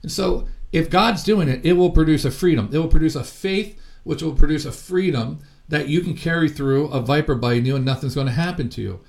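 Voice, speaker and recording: A man's voice: on the high side, a little fast, vocal fry, few pauses, a little mellow. A middle-aged man preaching a sermon earnestly and from the heart, with frequent fillers and restarts. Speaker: ministry founder and preacher. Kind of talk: sermon teaching.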